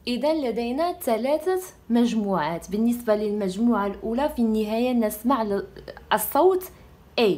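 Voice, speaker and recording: Young woman, patient French teacher voice with careful, slow pronunciation, a touch high. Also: lively intonation, mellow. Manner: slow, deliberate spelling-out of French words between Arabic explanation. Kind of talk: grammar lesson.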